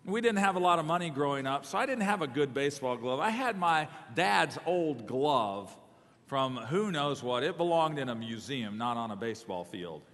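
A middle-aged man preaching a sermon in a large church hall, telling a personal story with self-deprecating humor and lively swings between loud and soft. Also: medium pitch, normal speed. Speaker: guest preacher. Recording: long reverb of a large hall.

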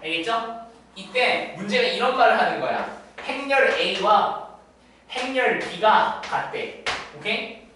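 A male math teacher giving a classroom lecture, often stopping to check in with students through quick tag questions. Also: high-pitched, lively intonation, sharp tone. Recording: echoey room, distant mic, faint noise.

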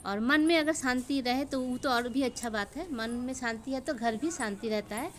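A woman's voice: a little high, moderate pace. A woman from Bengal with a Bengali accent, chatting casually through a home cooking vlog in her kitchen, with small slips in her speech. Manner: chatty, homely, with slight slips in Hindi.

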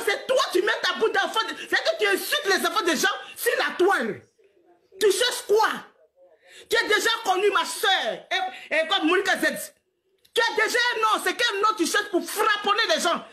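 A woman in her forties rants on a live stream in a very high, bright, forceful voice. She scolds at length, laughs often, and keeps repeating herself. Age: 40s. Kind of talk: heated live-stream rant.

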